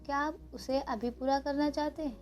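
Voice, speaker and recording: A woman's voice: high voice, fairly even intonation, moderate pace, faint music behind, natural voice. A woman voicing a male genie in a storybook tale, servile and formal toward his master while secretly scheming. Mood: deferential. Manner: deferential, formal address to master.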